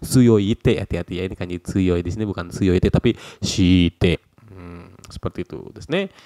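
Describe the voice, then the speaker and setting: Low-voiced casual male language teacher. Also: moderate pace, no room sound, clean studio sound. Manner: relaxed, repeats phrases, slangy asides. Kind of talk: casual online language lesson.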